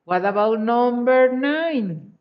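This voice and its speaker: A woman teaching English over a video call, her words coming slowly and patiently as she praises each answer. The audio is muffled and lo-fi, like a laptop mic. Her colors her English. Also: on the high side, lively intonation. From Mexico. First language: Spanish. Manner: patient, encouraging, repeats praise. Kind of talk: online class, checking answers.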